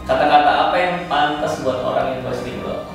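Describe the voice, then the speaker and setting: A man asks casual, slangy questions from behind the camera. He is far from the mic, his voice echoes heavily, and music plays clearly underneath. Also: on the high side, brisk. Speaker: off-camera interviewer.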